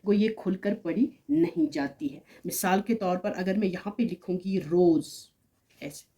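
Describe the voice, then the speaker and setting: A woman's voice: mid-range voice, sing-song, a little slow, mellow. A woman teaching an online grammar lesson, explaining step by step, repeating example words and checking "right?" as she goes.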